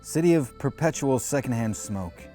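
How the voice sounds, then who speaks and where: A man hosts and narrates a travel vlog in scripted voice-over. His delivery is dry and tongue-in-cheek, at an ordinary middle pitch. Soft music plays faintly underneath. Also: animated, normal speed. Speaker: host and narrator.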